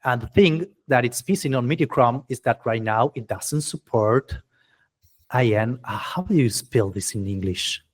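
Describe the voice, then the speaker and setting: An enthusiastic English-speaking man runs a casual meetup as host and presenter, chatty and non-native in his phrasing. His voice is mid-range and he talks at normal speed.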